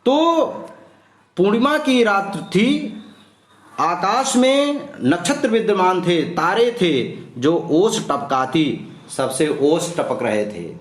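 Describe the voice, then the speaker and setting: Male teacher, slightly high voice, unhurried, reads verse dramatically; echoey room. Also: expressive. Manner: recites verses dramatically, then explains slowly. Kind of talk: poetry explanation lesson.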